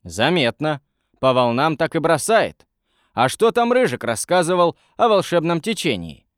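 A man voicing a calm, practical sailor who speaks in a measured way. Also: on the high side, no room sound, studio quality, pitched above the performer's own voice.

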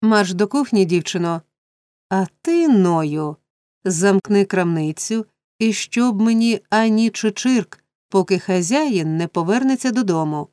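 A woman's voice: mid-range voice, animated, a little slow, warm tone, no echo, studio quality, close to an everyday voice. A woman voicing a pompous, indignant middle-aged male parish beadle who scolds in a raised, blustering voice. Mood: commanding. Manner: blustering, scolding, self-righteous.

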